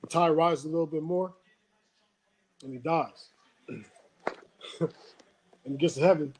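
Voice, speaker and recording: A man hosting a motivational webinar, telling a story and often checking in with a quick "right?". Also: on the high side, steady tone, darkish tone, slightly rough, rough recording. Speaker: webinar host.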